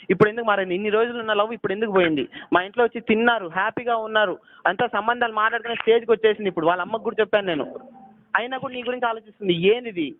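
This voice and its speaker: A young man argues on a phone line and pleads his case. His voice sits high and the words tumble out quickly. The call sounds tinny and dry. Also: no echo. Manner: pleading, accusing, repeating questions. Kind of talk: heated phone argument.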